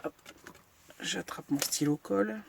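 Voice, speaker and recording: Woman host of a casual crafting tutorial, gravelly delivery, frank and self-deprecating. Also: on the low side, unhurried, a little hiss or hum. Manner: chatty, filler-heavy, narrates each step as she works.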